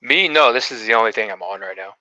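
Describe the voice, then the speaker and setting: A man's voice: fairly low pitch, animated, fast, sharp tone, no room sound. A man in his twenties, a guest on a live call, talking hesitantly with lots of fillers. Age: 20s. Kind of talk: casual call-in chat. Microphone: remote call. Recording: dull lo-fi call audio.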